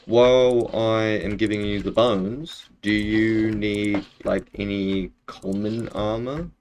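A man's voice: on the low side, fairly even intonation, slow, darkish tone, slight background noise. A young man with a broad New Zealand accent chatting casually on a game stream in a laid-back, matey way, often saying bro. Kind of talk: casual live-stream chat while gaming. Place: bedroom, indoors.

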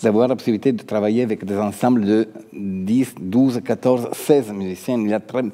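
A man in his sixties with an Italian accent, a composer talking unscripted in halting non-native French, repeating words as he searches. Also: lowish voice, fairly even intonation, warm tone. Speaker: composer, interview guest. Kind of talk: unscripted talk about own work. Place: large dark concert hall stage, indoors. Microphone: headset. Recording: long hall reverb of a stage.

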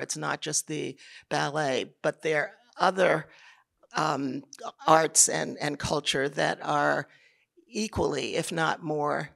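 Male panelist, very gravelly, slightly higher voice, measured delivery with frequent restarts. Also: fairly bright tone. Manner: measured, frequent word repeats. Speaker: panelist, arts programmer. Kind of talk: conference panel talk.

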